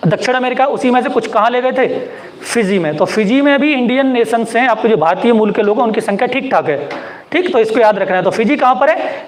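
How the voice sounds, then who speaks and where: A male teacher giving a geography lecture, asking his class repeated questions and joking about how names get mispronounced. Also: very high-pitched.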